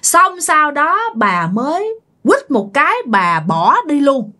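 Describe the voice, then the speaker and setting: A woman's voice: high-pitched, sing-song, slow, sharp tone, voice pushed up, heavily acted. A woman voicing a wounded male officer who speaks in a blunt, reproachful way. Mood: accusing. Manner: accusing, reproachful.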